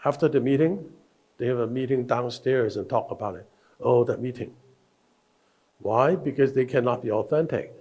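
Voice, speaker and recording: Older guy w/ teaching a leadership workshop, slow and emphatic, mellow voice. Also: medium pitch. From Hong Kong. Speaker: workshop speaker.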